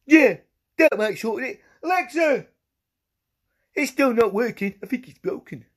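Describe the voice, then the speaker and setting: Pat the Potato: a squeaky, hyper potato who yells and rambles. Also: male voice, expressive, a little slow, slightly rough, heavily acted. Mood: excited. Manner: shouty, rambling, stumbles over words. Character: silly talking potato, childish and excitable. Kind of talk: comic vlog sketch.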